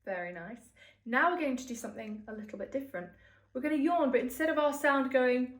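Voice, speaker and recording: High-voiced English woman leading a warm-up. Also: brisk. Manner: cheerful, encouraging instructions to children. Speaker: music teacher leading a warm-up. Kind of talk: children's vocal warm-up lesson. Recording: echoey room, mic at a distance.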